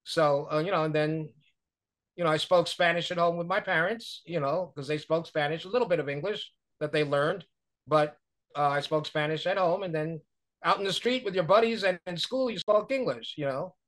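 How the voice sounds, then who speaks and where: The New York author-publicist, an older man, speaks at a normal pace in a high-leaning, somewhat bright voice. He's a guest in a loose conversational interview on a video call, recorded through a webcam in a small home room, with plenty of fillers and restarts.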